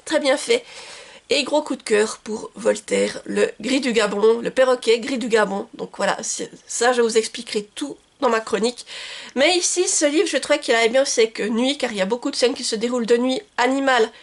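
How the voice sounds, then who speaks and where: In a casual book vlog, a French woman with a fairly high voice briskly talks about her reading challenge. Her chatty delivery is full of fillers and restarts.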